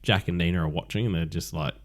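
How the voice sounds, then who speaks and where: A deep-voiced man co-hosting a podcast recaps a TV episode bluntly, swearing freely. He acts out the characters' lines as he goes. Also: quick pace. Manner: blunt, swearing, animated retelling with acted quotes. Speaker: podcast co-host. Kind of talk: casual chat recapping a TV show.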